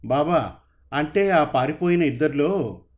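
A man's voice: fairly high pitch, expressive, measured pace. A man voicing a dutiful young police officer, earnest and determined in a spoken story. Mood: resolute.

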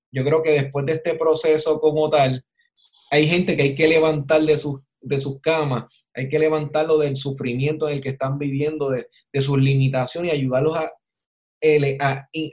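A male host with a slightly high voice, talking conversationally but with a preacher's emphasis. He builds points through rhetorical questions and repeats phrases to press them home. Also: a little mellow.

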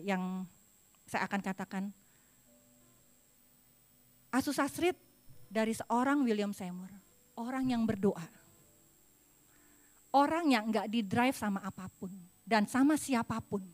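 A middle-aged woman preaching a confessional sermon from a church pulpit, moving between loud emphasis and hushed apology. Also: mid-range voice.

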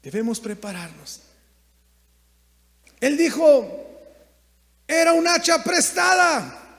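A man preaches in a very high voice, rising to loud exclamations and falling back to quiet asides. The sermon rings out with a long reverb, as in a church sanctuary. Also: big pitch swings, slow. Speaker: pastor.

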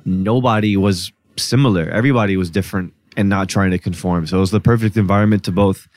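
A man's voice: low-pitched, fast talker, a little mellow, no echo. A man from New Jersey, a podcast guest, talking casually and reflectively about his upbringing with frequent "like" fillers. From Newark, New Jersey, US. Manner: reflective, storytelling, many "like" fillers. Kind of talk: casual conversation.

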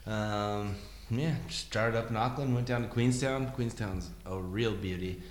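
A man's voice: on the low side, unhurried, reverberant, slight background noise. A young American man chatting casually, laid-back and laughing as he rambles. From United States. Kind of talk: casual chat.

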